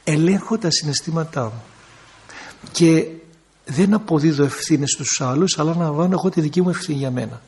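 A man's voice: on the high side, darkish tone. A man who is an Orthodox priest, teaching a group in a conversational sermon and acting out people in quoted bits. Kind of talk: talk to a group with questions.

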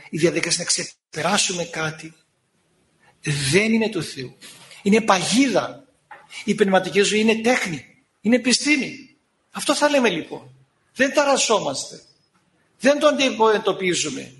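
A man preaching a sermon in an animated way, sometimes scolding and acting out the voices he quotes. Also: high-pitched.

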